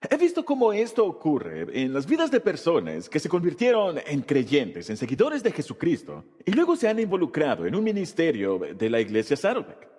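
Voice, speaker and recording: Husky man preaching in a reverberant hall. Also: on the high side, wildly swooping pitch, normal speed, darkish tone. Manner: emphatic preaching delivery with rhetorical questions. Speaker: Spanish voice-over of a pastor's sermon. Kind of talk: sermon.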